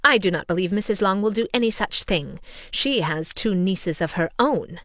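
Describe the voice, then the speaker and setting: A woman voicing a fretful, excitable middle-aged mother in a storybook reading, exclaiming and complaining. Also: medium pitch, normal speed, dry recording, studio quality, close to an everyday voice. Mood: resentful.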